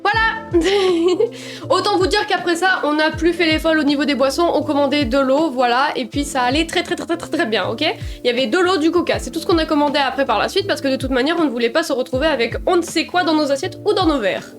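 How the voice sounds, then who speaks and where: A young woman talks straight to her audience in a casual storytime. Her voice sits high, and she tells her mishaps in a lively, self-mocking way. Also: fast talker, faint music behind. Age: young adult. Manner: animated, self-mocking, chatty. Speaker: vlogger.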